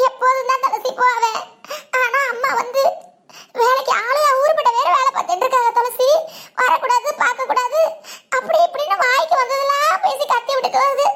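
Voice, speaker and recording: A woman's voice: extremely high pitch, gravelly, a bit bright, heavily acted. A woman voicing a tearful, lovesick young village woman in a cartoon, speaking with a southern Tamil accent. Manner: weepy, pleading. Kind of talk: cartoon voice acting. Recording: background music under the voice.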